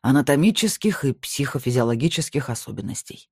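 A reader voicing a stern, weary male medium who speaks slowly and curtly in an audiobook. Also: medium pitch, animated, darkish tone, breathy edge, dry recording, clean studio sound. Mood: grim. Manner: slow, clipped and curt.

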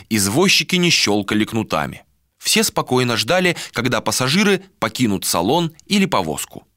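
A man narrating a novel in an audiobook, with dramatic, animated storytelling. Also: lowish voice, no echo, clean studio sound. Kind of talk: expressive fiction narration.

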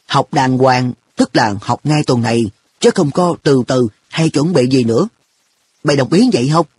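In a storybook reading, a man voices an earnest, quick-tempered schoolboy with a raised, indignant boyish tone. His mid-range voice is darkish and slightly rough, and the recording is dry.

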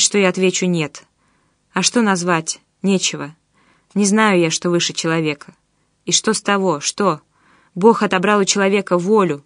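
A woman voicing Pavel, a bitter and desperate young man who swings between shouting and pleading, in an audiobook. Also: on the low side, dry recording, clean studio sound, natural voice. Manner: volatile, shouting and pleading in turns. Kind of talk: audiobook character voice.

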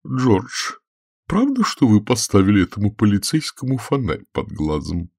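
A man voicing a fretful, hungry middle-aged woman in a pleading falsetto. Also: very animated, normal speed, a little mellow, husky. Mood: hushed.

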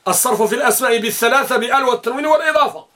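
Very high-voiced male grammar teacher. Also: animated, very fast, bright, forceful tone. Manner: poses questions and answers them himself, chants verses. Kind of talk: classroom lesson.

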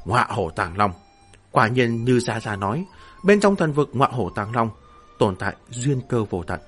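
Male narrator, mid-pitched, steady dramatic reading, faint music bed. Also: moderate pace, slightly rough. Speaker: audiobook narrator. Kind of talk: fantasy novel narration.

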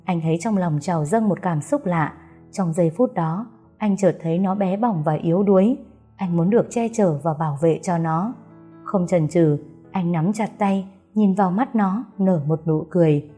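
Low, mellow woman narrator. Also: normal speed, slightly rough, soft background music. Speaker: audiobook narrator. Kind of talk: scripted story narration.

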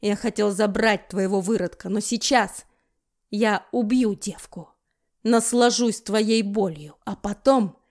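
A woman's voice: mid-range voice, slow, darkish tone. A woman voicing a hysterical vengeful villain brother. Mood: furious. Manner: hysterical, spiteful.

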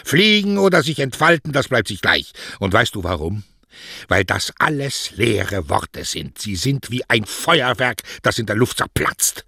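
A man voicing a stern, scornful middle-aged mother who scolds her daughter with a raised, sharp voice. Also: fairly low pitch, lively intonation, measured pace, creaky, breathy edge, no room sound, studio quality, heavily acted.

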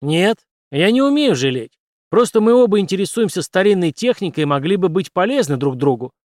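A man voicing a gruff, hardened soldier captain who talks in curt, grim lines. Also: sits high, sing-song, fairly quick, a little mellow, no echo, studio quality, pitched above the performer's own voice. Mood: weary.

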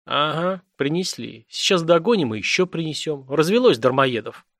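A man's voice: a little high, animated, normal speed, a bit bright, no echo, clean studio sound. A man reading an audiobook, voicing a phlegmatic, contemptuous chief of guards who bullies starving people. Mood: sneering. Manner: sneering, bullying, coarse.

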